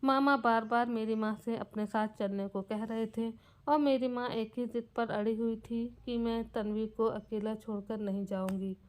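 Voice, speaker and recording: A woman tells a first-person story in an earnest, steady way, now and then correcting a word as she goes. Her voice is smooth and clear and sits fairly high. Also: normal speed. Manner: earnest and plainly paced, with small self-corrections.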